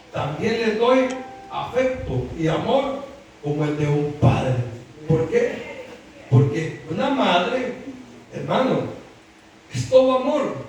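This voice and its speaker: A male preacher with a high voice that leaps up and down drives his sermon home in a church hall, constantly seeking the congregation's agreement with "hermano" and "¿verdad?". He's animated, and he's picked up from far off, so the sound is drenched in hall echo over a faint ambient hum.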